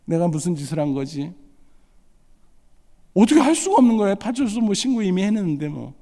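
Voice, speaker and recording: A middle-aged man preaching a sermon, telling a family story with lively, acted-out lines. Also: high-pitched, brisk. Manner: animated storytelling, acting out his own lines. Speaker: pastor. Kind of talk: sermon with personal anecdote. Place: church sanctuary. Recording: reverberant hall.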